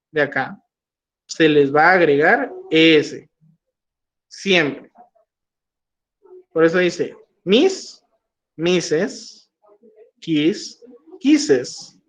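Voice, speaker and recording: A man with a slightly high voice explains grammar rules at a very unhurried pace. He repeats each point patiently and models words one by one. The recording sounds muffled and lo-fi. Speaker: English teacher. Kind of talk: slow classroom explanation. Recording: dull lo-fi recording.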